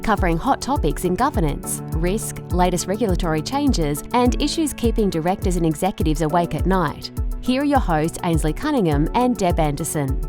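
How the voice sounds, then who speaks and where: This woman reads a scripted podcast opening. Her voice sits fairly low but moves up and down a lot, and clear music plays under her. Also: lively intonation, brisk, few pauses. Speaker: show announcer. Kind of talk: scripted podcast intro voice-over. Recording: voice-over over music.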